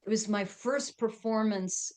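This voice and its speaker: A woman's voice: mid-range voice, a little slow, a little mellow. A middle-aged woman chatting as a podcast guest, with lots of fillers and frequent laughs. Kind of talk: casual interview chat.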